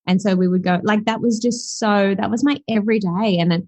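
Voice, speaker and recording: The recording is dull and dry, with no room sound, as a woman in her thirties from South Africa talks as a podcast interview guest. With an Australian accent, she's reflective and full of fillers, speaking briskly at medium pitch with fairly even intonation and a darkish tone.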